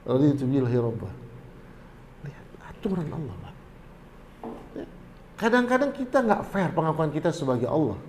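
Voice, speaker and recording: A man's voice: fairly high pitch, big pitch swings, normal speed, long pauses, a little mellow, a little hiss or hum. A middle-aged man giving a religious study talk to pilgrims, telling casual stories and rising to emphatic exhortation. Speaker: ustadz teaching hajj preparation.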